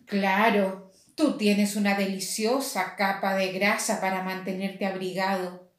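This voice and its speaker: A woman's voice: medium pitch, little pitch movement, unhurried, lightly acted. A woman voicing a cold, complaining male toad in a storybook reading, with a plaintive manner. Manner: plaintive, grumbling. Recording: roomy echo.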